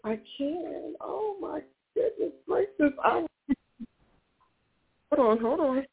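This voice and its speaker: A woman calling in to a radio show on a speakerphone, excited and gushing. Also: sits high, takes it slowly, creaky. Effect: phone on speakerphone. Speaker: caller. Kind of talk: call-in radio chat. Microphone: phone on speaker. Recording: tinny dry phone line.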